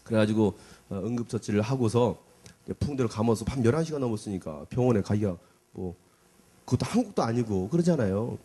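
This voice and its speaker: With a low-ish, brisk voice carrying a breathy edge, a middle-aged pastor from South Korea shares a personal story in his sermon. He is an animated storyteller who performs the quotes and cries of the characters.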